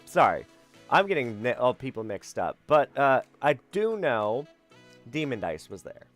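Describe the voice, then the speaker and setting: A young man chats loosely on a livestream, full of ums and restarts. His voice sits in a middle pitch and sounds worn out. Soft background music plays behind him. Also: very animated, unhurried. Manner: rambling, many fillers and self-corrections. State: tired. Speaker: VTuber streamer. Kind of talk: casual stream chat.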